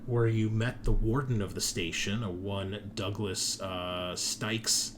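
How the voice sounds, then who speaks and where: A man serving as game master thinks out loud while recapping and narrating a tabletop game session in a halting, chatty style. His voice leans low, and background noise can be heard.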